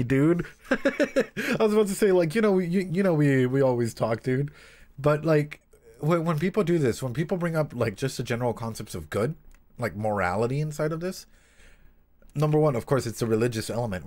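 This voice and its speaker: This livestream host, who is also a practising therapist, has a medium-pitched, slightly mellow male voice. His talk is loose, full of slang and swearing, wandering between reaction and analysis while circling back to the same phrases.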